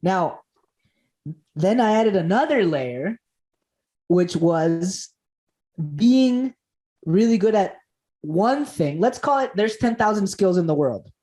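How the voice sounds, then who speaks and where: Slow and pausing often, this Costa Rican comedian guesting on a podcast has a high, warm voice with lively intonation. He spins enthusiastic, jokey stories, laughing frequently and restarting words as he goes.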